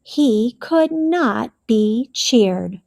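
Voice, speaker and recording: Casting: woman storybook reader for kids, high, lively voice, unhurried and expressive. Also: creaky. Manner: slow, expressive, addressing children. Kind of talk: reading a picture book aloud to children.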